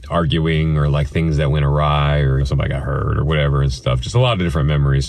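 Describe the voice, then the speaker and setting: A man's voice: sits low, a little mellow, no room sound. A man of about forty, chatting casually and rambling through a holiday message. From Indiana, US Midwest. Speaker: guest sharing a holiday message.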